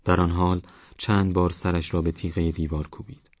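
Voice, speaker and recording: A man narrating an audiobook in a calm, measured, even reading voice. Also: low voice, no echo, highs cut off.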